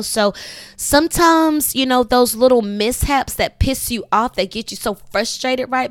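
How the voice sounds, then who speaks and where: A woman's voice: mid-range voice, a bit bright, no room sound. A woman podcast host and intuitive coach, talking casually and bluntly, with lots of "you know" and some swearing.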